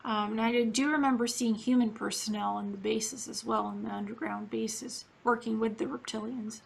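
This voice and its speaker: A woman's voice: a little high, fairly even intonation, normal speed, vocal fry, slight background noise. A woman from Ukraine interviewing a guest in a casual, earnest, matter-of-fact way.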